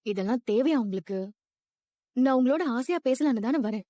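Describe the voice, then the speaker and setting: A woman's voice: high-pitched, expressive, fairly quick, dark tone, no echo, clean studio sound. A woman playing a rich young woman who is obsessively in love, with a clingy, pleading and insistent manner in a dubbed drama.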